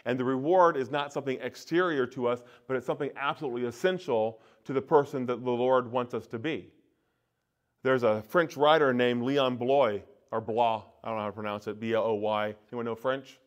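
A man's voice: mid-range voice, brisk, highs cut off. Man teaching a parish study group. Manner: conversational, with frequent restarts and asides to the audience. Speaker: parish adult education presenter. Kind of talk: informal talk to a parish group.

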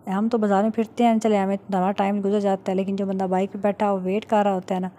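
A woman's voice: medium pitch, level tone, fast, dark tone. A middle-aged woman from Pakistan with a Punjabi-tinged Urdu accent, chatting casually in a vlog voice-over. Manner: chatty, matter-of-fact, recounting haggling. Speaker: vlogger.

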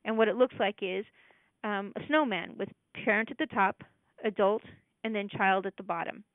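A woman's voice: mid-range voice, moderate pace, dry recording. A woman presenting a casual talk, explaining ideas conversationally and acting out parent and child voices in quotes. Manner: conversational, with many fillers and restarts. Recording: dry, tinny phone-like audio.

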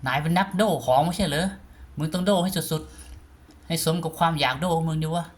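A woman giving rowdy, crude, joking let's-play commentary that turns into excited shouting when things get tense. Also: low voice, fairly quick. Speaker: gaming streamer.

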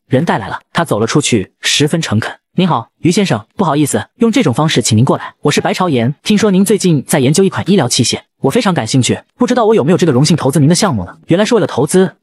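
A man narrating an audio comic at a quick clip, briefly voicing each character's quoted lines. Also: a little high, slightly rough. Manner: rapid, lively storytelling with brief voiced quotes.

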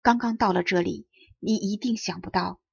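A woman voicing a kind lady of the house who speaks gently, with a trembling voice. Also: mid-range voice, moderate pace, gravelly, husky, no echo. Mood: tremulous. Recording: dull lo-fi audiobook recording.

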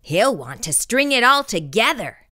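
A middle-aged woman reading aloud to young children in an expressive storytime voice, as a children's host. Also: on the high side, a little slow, no echo, studio quality.

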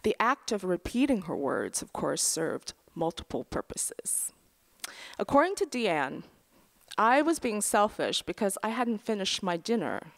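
A middle-aged woman reading her own memoir essay aloud at a lectern in a large auditorium, dry and wry, with soft trailing phrase endings. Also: mid-range voice, sing-song, unhurried. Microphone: lectern microphone.

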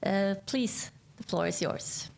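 Woman, vocal fry, seminar moderator, formal introduction, faint room noise. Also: medium pitch, slow pace, a little mellow.

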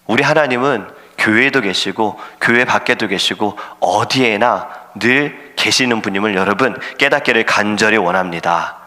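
A man, a senior pastor, preaching an earnest sermon at an early-morning service in a church. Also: fairly low pitch. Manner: earnest preaching, acts out shouting sailors and God's voice. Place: church sanctuary. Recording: hall reverb in church.

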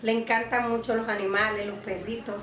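A young woman, the contestant's aunt, telling a family story in a lively way in a living room. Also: a little high, fairly quick, roomy sound, a little hiss or hum. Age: young adult.

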